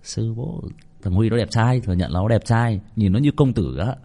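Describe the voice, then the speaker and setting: A man's voice: fairly low pitch, expressive, moderate pace, vocal fry, warm tone. Chatty male host. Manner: chatty, joking, playful teasing. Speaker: horror story channel host. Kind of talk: casual outro chat to listeners.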